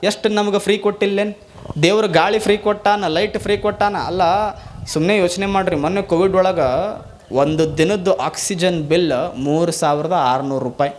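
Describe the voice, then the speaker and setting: A man's voice: sits high, normal speed. A man, a monk, giving a folksy storytelling sermon with a North Karnataka Kannada accent. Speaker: monk preacher.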